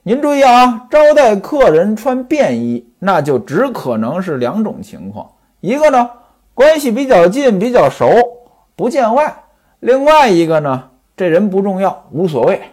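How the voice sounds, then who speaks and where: A man's voice: high-pitched, huge pitch swings, measured pace, a little mellow. A man telling a classic tale in traditional storytelling style, chatty and stopping to explain old customs to his listeners.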